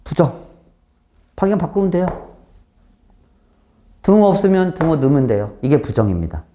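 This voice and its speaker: A man teaching a high school math class, explaining step by step and constantly checking whether students follow. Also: moderate pace, slight background noise. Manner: lively, questioning, keeps checking understanding. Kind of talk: classroom lecture.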